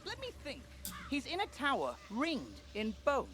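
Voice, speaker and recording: A woman's voice: high-pitched, a little slow, slight background noise, full character voice. A woman voicing an eager, chatty quest helper in a fantasy game, with a playful manner. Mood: intrigued. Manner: animated, playful. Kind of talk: fantasy game character dialogue.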